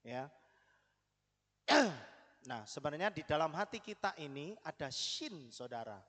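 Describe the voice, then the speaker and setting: A man's voice: a little high, sing-song, unhurried, a bit bright, in a large hall. A man preaching a sermon in a conversational way, often putting questions to the congregation.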